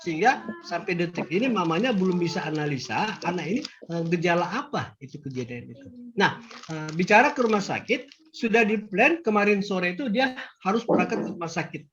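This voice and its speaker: An older man, a grandfather giving an emphatic, animated testimony to an audience. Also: high-pitched, a little fast. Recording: dull lo-fi recording.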